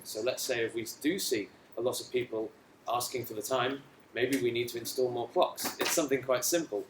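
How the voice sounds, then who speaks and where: A man from an aid agency giving a measured, explanatory conference presentation with some hesitations, in an echoey hall. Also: mid-range voice, a little hiss or hum.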